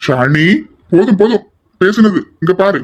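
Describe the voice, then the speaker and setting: Brief: woman as a gentle young husband, deep-pitched, quick and soft-spoken, dull lo-fi audio drama. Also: expressive. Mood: calm. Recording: dull lo-fi recording.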